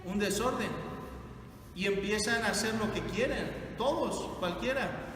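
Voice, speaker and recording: A man's voice: high voice, unhurried, a bit bright. A man teaching a Bible class, asking his group questions and repeating their answers. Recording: echoey hall from far off, noisy.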